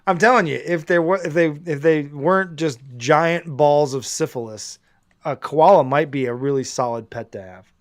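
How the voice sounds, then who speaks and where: A man's voice: fairly high pitch, normal speed. A man co-hosting a casual talk show, joking around, laughing often and swearing casually. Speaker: podcast co-host. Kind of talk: casual chat.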